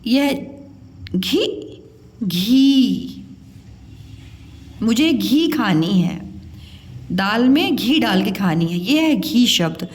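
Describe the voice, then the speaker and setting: A woman's voice: mid-range voice, big pitch swings, takes it slowly. A woman teaching Hindi pronunciation, stretching out vowel sounds and repeating words to contrast them for her students. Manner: addresses students kindly as 'beta'. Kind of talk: pronunciation lesson.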